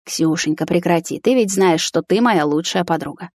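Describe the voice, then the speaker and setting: A woman's voice: normal speed, a little mellow, no echo, natural voice. A woman voicing a placating young man caught between two girls in an audiobook. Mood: soothing. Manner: low-key, placating. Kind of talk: audiobook character voice.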